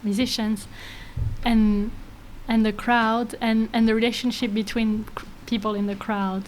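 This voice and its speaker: Woman guest, sound artist, casual interview; slightly high voice, frequent laughter, halting phrasing. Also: little pitch movement, a little hiss or hum, rough recording. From France and Greece. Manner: laughs often, many hesitations.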